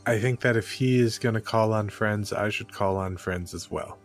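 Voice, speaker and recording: A man with a low voice plays a tabletop game and chats casually about his moves. Music plays behind him. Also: moderate pace.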